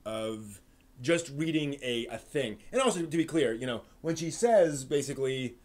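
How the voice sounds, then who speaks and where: A man with a medium-pitched, darkish voice speaks at a normal pace as he hosts an anime live stream. Chatting casually with his audience, he keeps restarting and dropping in fillers.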